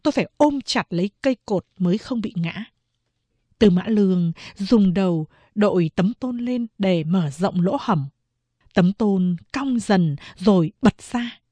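Woman calmly reading a novel aloud. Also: mid-range voice, unhurried, no echo. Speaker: audiobook reader. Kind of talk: first-person literary narration.

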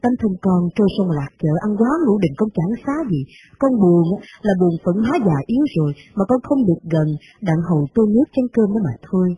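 A woman voicing a humble but resentful young adult son, with a measured, formal delivery. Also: lowish voice, expressive, warm tone, dull audio, close to an everyday voice. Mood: aggrieved, humble. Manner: measured, formal letter reading.

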